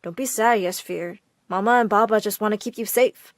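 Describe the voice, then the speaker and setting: A woman voicing a calm, tired young man, the oldest brother, speaking softly. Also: medium pitch, moderate pace, no room sound, studio quality, natural voice. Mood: weary. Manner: soft-spoken, tired.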